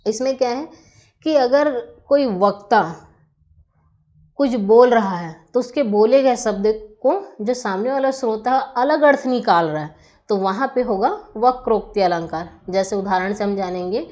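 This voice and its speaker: A woman's voice: a little high, a little slow, darkish tone, highs cut off. A woman teaching a Hindi grammar lesson, explaining patiently step by step and asking rhetorical questions.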